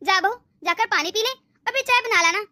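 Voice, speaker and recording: A woman voicing a gentle, sickly elderly mother in a cartoon, calmly trying to keep the peace. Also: very high-pitched, brisk, no room sound, studio quality, full character voice. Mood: soothing. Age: older. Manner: soothing, calming, pleading for peace. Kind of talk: Hindi cartoon voice acting.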